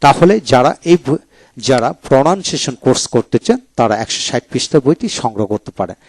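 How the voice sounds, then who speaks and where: A man teaching English pronunciation in a video lecture, saying each word twice, slow and deliberate. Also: medium pitch, lively intonation, a little mellow.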